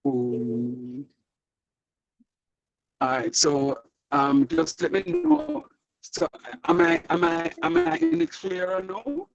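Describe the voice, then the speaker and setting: A man's voice: high voice, very animated, slow, gravelly, long pauses, no echo. A male teacher on a video call, his audio choppy and breaking up over a bad connection as he keeps asking whether he can be heard. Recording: dull lo-fi call audio, faint music.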